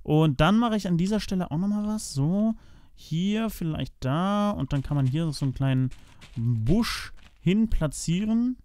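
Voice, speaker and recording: A man's voice: high-pitched, lively intonation, a little slow, a little mellow. A young man casually commentating his building in a block game, thinking aloud and chatting to viewers as his friends. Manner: chatty, talks to viewers as "meine Freunde"; thinks aloud while building, frequent restarts and fillers. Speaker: let's play host.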